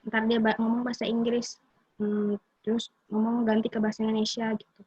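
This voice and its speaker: A woman's voice: fairly high pitch, flat delivery, brisk, darkish tone, slightly rough, no room sound, muffled recording. A young woman presenting to a class in a casual, hesitant way with many fillers. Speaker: student presenter.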